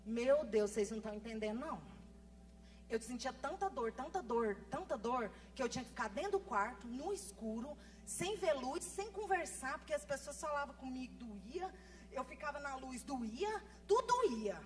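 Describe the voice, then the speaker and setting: A woman pastor in her thirties preaches with a bright, high voice, rushing through her points and then dropping into soft, confiding asides. She pushes her voice up loud for emphasis. A faint hum runs under the recording. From Brazil. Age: 30s. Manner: fast-talking, animated, swings from soft asides to loud emphasis. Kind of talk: sermon. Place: church.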